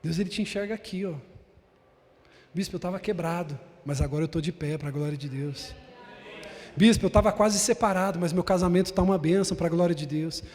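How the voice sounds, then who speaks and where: A man's voice: high voice, brisk, a little mellow, long reverb tail. A man preaching a sermon as a bishop, pressing his points with emphatic repetition and calling the congregation brother. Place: large church hall.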